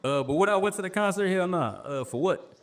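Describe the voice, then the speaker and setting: Fast-talking, self-assured man. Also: high voice, expressive. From born in Dallas, raised in Cincinnati. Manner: fast, confident, repeats himself when pushed. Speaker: podcast guest, artist. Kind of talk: casual podcast conversation.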